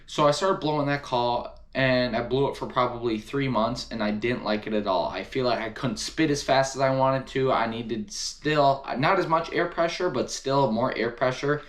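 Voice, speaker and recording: Casting: man, mid-pitched voice, casual hunting gear reviewer, enthusiastic, leans on repeated words for emphasis. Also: moderate pace, hardly any pauses. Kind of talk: casual product review to camera.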